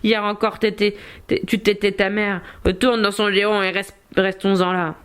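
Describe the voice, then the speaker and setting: A woman reading aloud, voicing a huge, brutish male knight with a gruff, scornful tone. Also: mid-range voice, little pitch movement, normal speed, a bit bright, close to an everyday voice. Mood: mocking.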